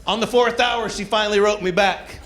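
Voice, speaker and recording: High-voiced middle-aged male stand-up comedian. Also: fairly even intonation, fairly quick, fairly bright tone. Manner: profane, conversational storytelling; acts out dialogue and reactions. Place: live venue in front of an audience. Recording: noisy live comedy club recording.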